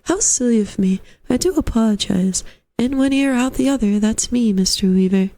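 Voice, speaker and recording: A woman's voice: on the high side, moderate pace, warm tone, close to an everyday voice. A woman voicing a genteel, fussy landlady in a story, with a dainty, coaxing and doting manner. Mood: sweetly fluttery. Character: genteel, fussy, sweetly insistent middle-aged landlady. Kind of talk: storybook character voice.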